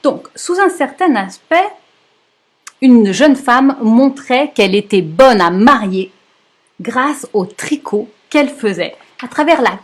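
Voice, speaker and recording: A woman presenting a knitting history lesson in a chatty storytelling way, with asides and jokes for her viewers. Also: sits high. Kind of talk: casual storytelling lecture.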